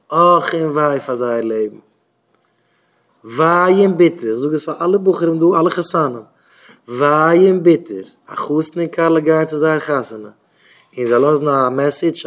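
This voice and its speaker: A man giving an impassioned moral talk, repeating his points and swinging from loud cries to low murmurs, sometimes in a lamenting singsong. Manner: repetitive, exhorting, swinging between loud outbursts and low murmurs.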